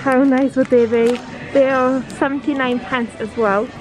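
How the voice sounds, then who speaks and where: Poor audio captures a high, fairly evenly intoned woman speaking at a measured pace. In her thirties and Geordie-accented, from Newcastle upon Tyne, she's a family vlogger filming a casual shop-with-me video on a handheld camera, enthusiastically chatting about finds and prices amid the music and crowds of a large discount store.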